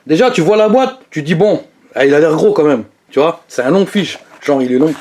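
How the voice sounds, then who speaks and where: A young man chatting casually to his viewers in a fast-food review vlog, slangy and playful. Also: on the high side, animated, a little mellow, slight background noise.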